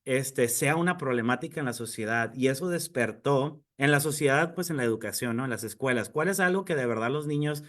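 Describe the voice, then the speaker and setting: A Mexican man with a Mexican Spanish accent, speaking at a mid-range pitch for a man. He presents a webinar as a teacher. He talks in a friendly, earnest way and often pauses on fillers and restarts his sentences. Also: fairly bright tone. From Mexico (Mexicali, Baja California). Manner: friendly, earnest, with frequent fillers and self-corrections.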